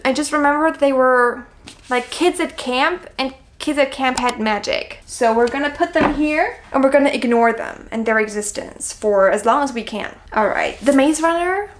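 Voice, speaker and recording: Talking to camera on her own book channel, a woman with a high voice effuses about her favorite books at a normal speed. She keeps things informal and pokes fun at herself now and then. The recording has audible background noise and clicks.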